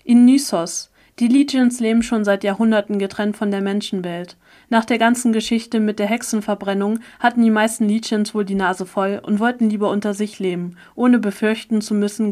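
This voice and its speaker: A patient young man explaining things in a plain, matter-of-fact way, read by a woman. His voice sits at an ordinary middle pitch, in an audiobook story reading. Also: fairly even intonation, a little fast, darkish tone, close to an everyday voice.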